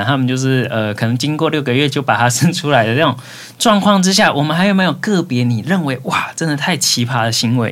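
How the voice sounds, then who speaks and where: A man's voice: mid-range voice, a bit bright. A man, hosting a podcast, summing up and asking questions in casual chat. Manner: moderating, sums up and asks questions. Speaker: podcast host.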